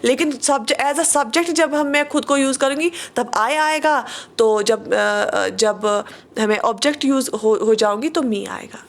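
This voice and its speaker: A woman teaching an online English grammar class, explaining patiently, asking the class questions and slowing down to read out examples. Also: fairly high pitch, gravelly.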